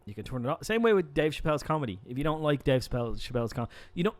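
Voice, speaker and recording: A young man with a Dublin Irish accent, a podcast co-host who rambles through animated stories, restarting sentences and swearing freely. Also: fairly high pitch, racing. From Ireland. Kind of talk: casual chat.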